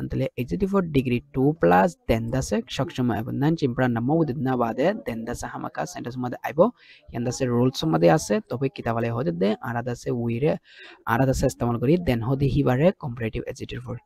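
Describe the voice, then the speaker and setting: Gravelly-voiced man teaching English grammar. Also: medium pitch, darkish tone. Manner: explains step by step, often checks understanding. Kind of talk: lesson in a regional dialect mixing English terms.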